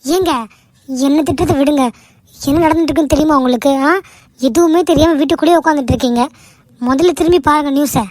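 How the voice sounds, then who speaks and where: A woman voicing a sharp-tongued, scolding middle-aged mother in a cartoon. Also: high-pitched, fast talker, pauses often, natural voice. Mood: alarmed. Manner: nagging, sarcastic. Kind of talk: cartoon voice acting.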